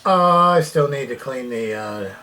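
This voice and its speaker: With a mid-range, bright and forceful voice, this man is animated yet unhurried as he rambles through a casual CB radio repair. He mutters to himself in plain, folksy talk. Clicks, radio sound and noise fill the recording.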